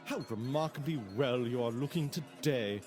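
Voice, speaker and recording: A man's voice: medium pitch, normal speed, voice pushed up, close to an everyday voice. A man voicing a scheming nobleman in a gothic audiobook, courteous and coaxing with theatrical false concern. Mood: feigned doubt. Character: smooth-tongued scheming Italian nobleman feigning friendly concern. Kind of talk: dramatized gothic audiobook dialogue. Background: music.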